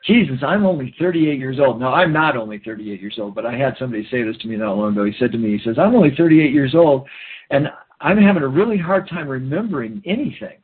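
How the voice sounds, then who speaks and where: A man's voice: mid-range voice, lively intonation, quick pace. A man talking earnestly in a rambling interview, often restarting his sentences. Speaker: guest. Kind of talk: conversational interview talk. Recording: phone-line audio, husky.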